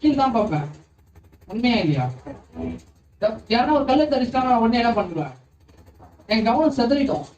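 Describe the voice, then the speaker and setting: A man's voice: very high voice, very animated, normal speed, long pauses, darkish tone, echoey room, distant mic, muffled recording, slight background noise. A man preaching a sermon as pastor, often stopping to ask the congregation whether they understand.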